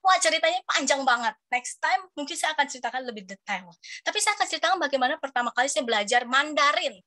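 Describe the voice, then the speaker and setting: A woman in her thirties preaching to young people in a lively, chatty way. Her voice sits high and sounds bright and forceful. She keeps asking the room questions to draw them in. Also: fast. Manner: animated and chatty, asks the audience questions. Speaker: youth preacher. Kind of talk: lively youth sermon.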